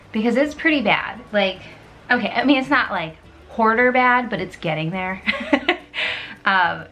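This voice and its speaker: A woman's voice: medium pitch, fairly bright tone, slight background noise. Chatty self-deprecating young woman vlogger. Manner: chatty and rambling, self-deprecating, laughs often. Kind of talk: casual productivity vlog. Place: home office, indoors. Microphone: camera mic.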